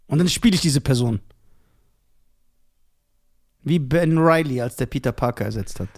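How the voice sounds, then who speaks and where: A man's voice: medium pitch, animated, moderate pace. A man co-hosting a casual podcast, joking around and laughing often. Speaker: comedian and podcast co-host. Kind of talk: casual banter.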